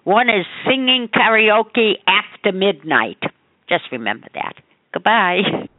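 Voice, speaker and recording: A muffled, narrow phone-line recording carries an older woman's voice at a middling pitch. She talks like a mother leaving a voicemail, casual and rambling. Her thoughts wander and often trail off half finished. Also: very animated, slow pace, dry recording. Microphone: telephone.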